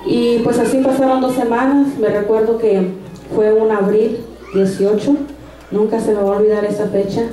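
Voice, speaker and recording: A woman's voice: on the high side, fairly even intonation, moderate pace, dark tone. A woman giving a personal faith testimony at a church service, telling it earnestly with frequent restarts. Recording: echoey room sound.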